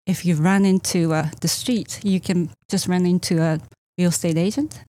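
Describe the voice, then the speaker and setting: Hesitant Japanese-born woman, warm low voice. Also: fairly even intonation, normal speed, no room sound. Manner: hesitant, many fillers. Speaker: real estate agent. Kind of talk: interview answers.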